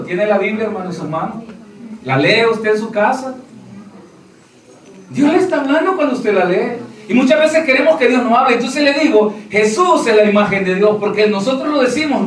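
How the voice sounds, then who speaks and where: A man with an extremely high-pitched voice preaches a sermon as a pastor, far from the microphone in a roomy, echoing space. He keeps calling his listeners "hermano," or brother, and asking them questions.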